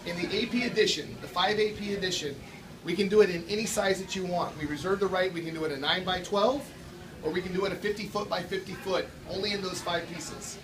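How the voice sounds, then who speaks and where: High-voiced man presenting, distant noisy recording. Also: quick pace. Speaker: gallery art dealer hosting a show opening. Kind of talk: sales presentation to guests at a gallery event. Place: gallery room at a live event. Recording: distant mic, noisy room.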